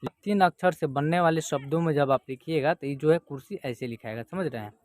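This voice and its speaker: A man's voice: fairly high pitch, dry recording. A man teaching Hindi reading in an online lesson. He sounds out words syllable by syllable and often checks that students follow. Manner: slow, drawn-out syllable-by-syllable reading; patient explaining with frequent check-ins.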